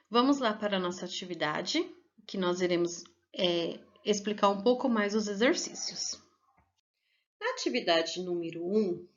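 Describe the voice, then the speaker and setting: A woman teaching a primary school lesson over slides, explaining patiently and often checking in with her pupils. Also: mid-range voice. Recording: dull lo-fi home recording.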